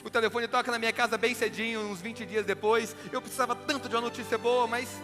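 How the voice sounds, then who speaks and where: A man, giving an emotional storytelling speech as a motivational speaker. He shifts from hushed to loud and fervent. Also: very high voice, fairly even intonation, quick pace. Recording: music playing behind the voice.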